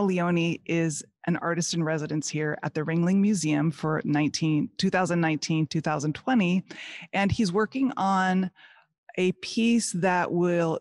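A woman's voice: fairly low pitch, darkish tone, no echo, clean studio sound. A woman hosting a museum artist talk outdoors, reading a formal guest introduction from notes. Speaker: museum host, moderator. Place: outdoor courtyard.

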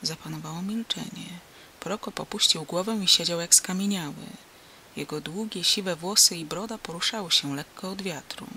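Bright-toned audiobook narrator. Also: medium pitch, moderate pace, creaky, a little hiss or hum. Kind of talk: audiobook narration of a classic novel.

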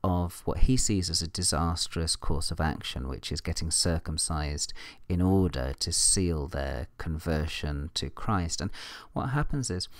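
English guy lecturing on his podcast, low voice, dry close sound, puts on voices for quotes. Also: unhurried, dry recording. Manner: animated, changes voice to read quotations. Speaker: podcast host, New Testament scholar.

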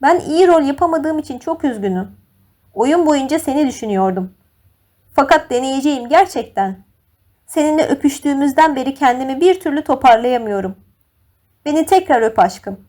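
A woman's voice: high-pitched, animated, normal speed, a little mellow, pitched above the performer's own voice. A woman voicing a heartbroken young actress who pleads tearfully and imploringly with her lover. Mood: pleading.

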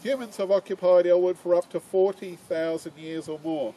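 A man's voice: high-pitched, steady tone, moderate pace, warm tone, rough recording. An older Australian man leading a walking tour outdoors, reading history from notes with frequent ums and restarts. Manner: reads aloud from notes, with many ums and restarts. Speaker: tour guide. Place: outdoors on suburban streets. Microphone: far camera. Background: street noise and traffic.

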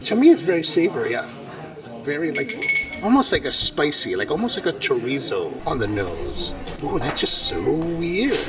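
A man's voice: fairly high pitch, normal speed, distant mic. A middle-aged man hosting a coffee vlog, enthusiastically describing the flavors he tastes in a busy coffee shop. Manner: animated, enthusiastic tasting descriptions. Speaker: coffee channel host. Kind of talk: casual coffee vlog chat. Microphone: handheld camera at arm's length. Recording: crowded cafe with background music.

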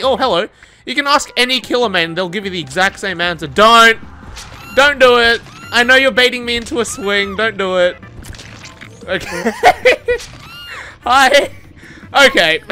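A man giving casual, excitable, profane commentary over his own gameplay, laughing often. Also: high voice. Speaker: gaming YouTuber.

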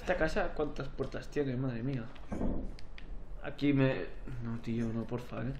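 A man commenting on a horror game as he plays, swearing and shouting when something scares him. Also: mid-range voice, measured pace, background noise. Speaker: gameplay commentator. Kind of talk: let's play commentary. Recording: roomy echo with faint game ambience.

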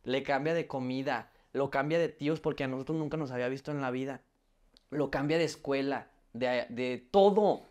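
A young man with a Mexican accent, heartfelt and halting as he tells his own life story on a podcast, often restarting his words. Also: medium pitch, a little mellow. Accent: Mexican Spanish. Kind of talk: emotional personal storytelling.

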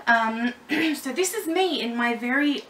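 A doll vlogger chats casually to her camera while packing a parcel at home, a little nervous and apologetic, with the camera mic a fair way from her. Her voice is high-pitched, animated, unhurried and a bit bright, with slight background noise.

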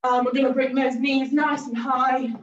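A woman's voice: high-pitched, flat delivery, moderate pace, slight background noise. A woman leading a cardio class, giving upbeat cues and countdowns while out of breath. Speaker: fitness instructor. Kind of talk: workout instruction with countdowns. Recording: roomy, distant and a bit dull.

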